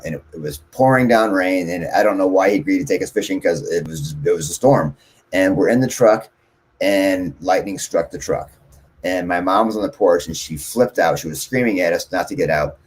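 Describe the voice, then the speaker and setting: A man, a guest musician, answering interview questions casually and telling long, animated stories. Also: low-pitched. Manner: rambling, animated storyteller.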